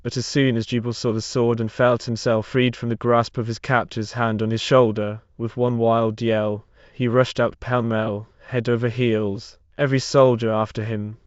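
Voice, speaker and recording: A man reads a romance novel aloud at an even, measured pace. His voice is recorded dry and close, with a slightly dull, muffled tone. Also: medium pitch, no echo. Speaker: story reader.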